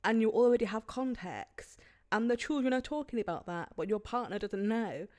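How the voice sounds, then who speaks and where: A woman's voice: on the high side, moderate pace, darkish tone. A woman co-hosting a casual podcast chat, agreeing often and stringing her points together in long run-on sentences. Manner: agreeing, stacks clauses in long run-ons. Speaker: podcast co-host.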